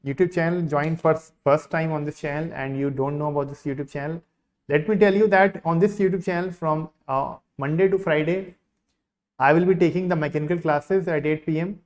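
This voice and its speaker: A man with an Indian accent, an online teacher, giving an insistent, repetitive sales pitch to his live class. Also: fairly even intonation, brisk. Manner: insistent sales pitch, repeating key phrases.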